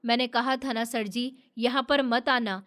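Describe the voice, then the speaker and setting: A woman's voice: fairly high pitch, steady tone, unhurried, a bit bright. A woman voicing a grief-stricken middle-aged man who talks in a weary, pleading way.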